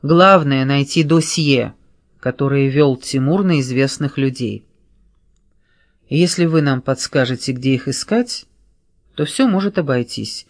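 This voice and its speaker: A man reading a calm male French private detective in an audiobook, gently persuading a suspect. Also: medium pitch, a little slow, no room sound, clean studio sound, natural voice. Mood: persuasive.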